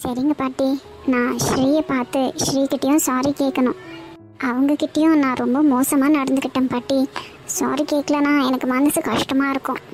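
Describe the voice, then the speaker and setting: A woman's voice: sits high, little pitch movement, normal speed, a little mellow, faint music behind, natural voice. A woman voicing a remorseful young college girl in a cartoon, who pleads and apologizes. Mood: pleading.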